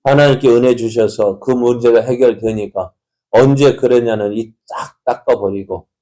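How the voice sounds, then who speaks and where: A man's voice: medium pitch, fairly even intonation, moderate pace, dark tone. A male pastor giving an early-morning sermon, often putting rhetorical questions to the congregation. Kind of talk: dawn prayer sermon.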